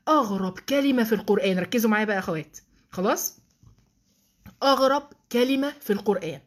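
A woman's voice: a little high, expressive, quick pace. A woman with an Egyptian accent giving a religious lesson, asking rhetorical questions, checking in with listeners and adding emphatic, affectionate asides. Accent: Egyptian Arabic. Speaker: religious teacher.

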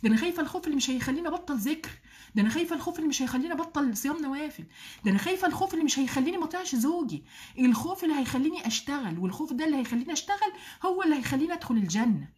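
A woman with an Egyptian Arabic accent giving a religious lesson to women, slowly chanting verses and then explaining them quickly. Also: sits high. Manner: drawn-out chanted Quran recitation between quick lively explaining. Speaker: religious teacher.

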